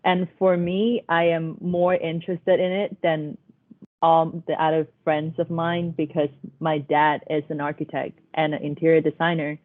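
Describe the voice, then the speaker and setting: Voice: medium pitch, level tone, moderate pace, no echo. A young adult student talks through a thin, phone-like video call line. The delivery is earnest and thoughtful, with a few hesitant fillers. The sound is dry and close, with no room around it. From Hong Kong. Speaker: architecture student. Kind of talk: panel discussion answers.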